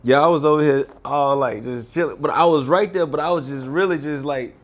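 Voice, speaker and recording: A man's voice: on the high side, a little fast. A young man hosting a podcast in casual chat, slurring his words and using slang and profanity. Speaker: podcast host.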